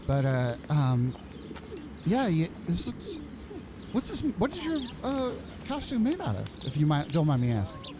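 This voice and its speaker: A man's voice: a little high, huge pitch swings, measured pace, background noise. A man hosting a casual comic interview, hesitant and bemused, often stammering and restarting. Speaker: show host.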